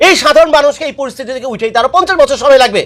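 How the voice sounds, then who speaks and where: A man's voice: extremely high pitch, expressive, very fast, sharp tone. A man, delivering an impassioned political monologue, lecturing and scolding his listeners and repeating his points. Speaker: political commentator. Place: living abroad.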